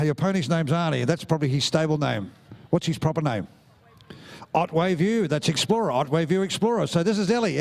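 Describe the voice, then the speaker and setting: Jovial high-voiced Australian announcer man. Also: gravelly. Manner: jovial, teasing, crowd-rousing. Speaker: ringside announcer. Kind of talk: live event commentary. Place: outdoor showground arena.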